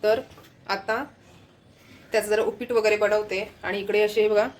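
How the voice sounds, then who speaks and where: This family vlogger speaks in a flat, mid-range voice at a moderate pace, and a faint hiss or hum sits under the audio. She keeps up casual chatter indoors at home, carrying her phone around and guiding viewers' attention to her activities.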